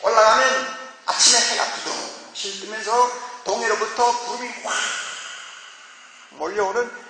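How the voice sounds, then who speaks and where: A man's voice: high voice, steady tone, unhurried, noisy background. A man preaching a sermon as pastor, emphatic, with rhetorical questions and exclamations, in a large church hall. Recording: echoey church hall with long reverb.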